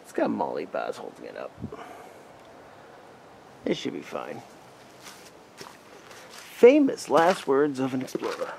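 Mid-range and a little mellow, this man's creaky voice moves slowly, pauses often, and swings hugely in pitch. He's an American urban explorer vlogger in his forties, wryly narrating a casual exploring vlog inside and behind a derelict abandoned house and muttering to himself. Audio is noisy, captured on a handheld camera mic.

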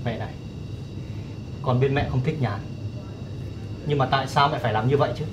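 A man's voice: mid-range voice, fairly even intonation, moderate pace, dull audio, noisy background, close to an everyday voice. An actor playing a stern young husband who scolds his younger brother in a TV drama. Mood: reproachful. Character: stern elder son and husband, young adult man.

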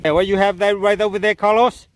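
A middle-aged man hosting a fishing channel, chatting excitedly in simple, broken English from a small open boat at sea, filmed on an action camera. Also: high voice, quick pace, background noise. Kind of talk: casual excited narration while fishing. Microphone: handheld or mounted action camera.

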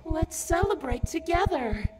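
A woman's voice: very high-pitched, expressive, a little slow, noisy background. An actress playing an eerie, lovesick female stalker in a horror game, sweetly menacing and drawn out.

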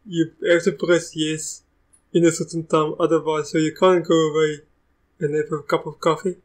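A young man with a South African accent with some Russian in it hosts a live computer tutorial. His voice sits a bit high and stays fairly flat in melody. He chats easily and often restarts his sentences. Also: moderate pace, poor audio. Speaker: tech tutorial host. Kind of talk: live screen-recorded software tutorial.

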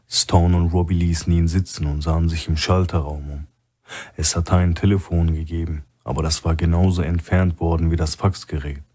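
A man narrating a crime audiobook in a measured, even reading style. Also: low voice, slightly rough. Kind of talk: scripted narration.

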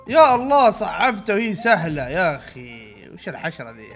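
Brief: young male gamer, expressive voice that swings from mutters to yells. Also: sits high, a little fast, gravelly, faint music behind. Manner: excitable, swinging between mutters and loud outbursts. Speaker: gaming channel host. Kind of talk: let's play commentary.

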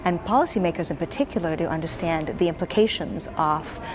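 With frequent fillers, a woman in her forties answers interview questions earnestly and in a measured way. She is an advocacy director seated in a hotel lounge, her voice fairly low-pitched against background noise.

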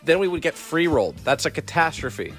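A man in his twenties with a hoarse smoker's rasp and a congested cold, casually narrating poker hands in a brash, sweary way. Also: on the high side, very animated, a little fast, a bit bright. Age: 20s. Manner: brash, profane, jokingly self-deprecating. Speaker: poker vlogger. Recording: voice-over with music behind.

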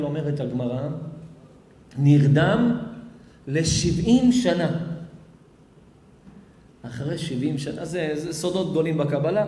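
A man preaching a sermon to a live crowd in a big, echoing hall, his voice sitting a little high for a man. He drops to soft, intimate murmurs one moment and bursts into loud scolding the next. The long reverb hangs after every phrase. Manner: dramatic swings from hushed, tender asides to loud scolding outbursts. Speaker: rabbi giving a Torah lecture. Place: large hall with audience.

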